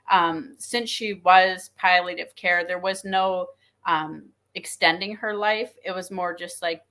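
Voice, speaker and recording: A woman guest telling a deeply personal story in earnest, with frequent fillers. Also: a bit bright.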